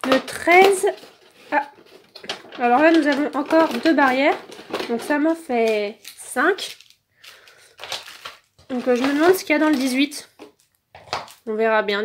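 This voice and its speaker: A woman's voice: high-pitched, a little slow, long pauses, noisy background. A woman casually reviewing toys as she unboxes them, filled with "donc" and "euh", recorded on a phone held in one hand. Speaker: toy reviewer.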